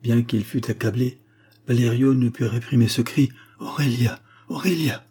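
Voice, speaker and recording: A man narrating a novel as an audiobook, in measured storytelling. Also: mid-range voice, flat delivery, mellow, breathy edge. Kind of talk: scripted narration.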